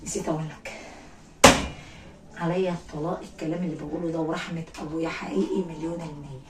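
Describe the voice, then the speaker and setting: A woman with an Egyptian accent voicing a possessive male jinn king who speaks in a low, pressing murmur. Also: fairly even intonation, fast talker, echoey room, far from the mic, lightly acted, rough recording.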